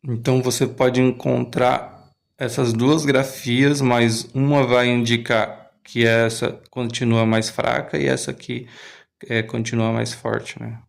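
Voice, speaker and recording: A man's voice: medium pitch, level tone, a little slow, vocal fry. A man, talking casually and hesitantly as he comments on a language lesson. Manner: thinks aloud, hesitant, restarts often. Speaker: language learner host.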